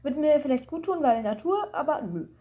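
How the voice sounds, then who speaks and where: A woman's voice: high-pitched, expressive, a little fast, mellow. A woman, a student, chatting casually over a call and telling rambling, self-mocking stories with lots of fillers.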